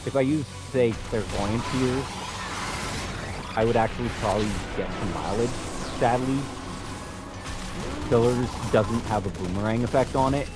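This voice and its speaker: A man's voice: medium pitch, unhurried, pauses often, music in the background. A man streaming a video game live, casually explaining its mechanics as he plays. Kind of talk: casual live gameplay commentary.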